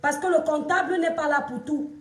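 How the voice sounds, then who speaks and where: Hoarse high-voiced Cameroonian woman livestreaming. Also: fairly even intonation, fairly quick, reverberant, recorded from a distance. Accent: Cameroonian French. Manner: chatty, greets viewers, scolding and pleading. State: hoarse from shouting. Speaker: livestream influencer and seller. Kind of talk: casual Facebook live chat.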